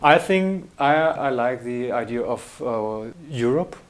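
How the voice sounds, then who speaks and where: Speaking slowly but with lively intonation, a middle-aged German graphic designer answers interview questions in accented English, his male voice medium-pitched. His replies are hesitant, riddled with fillers and false starts.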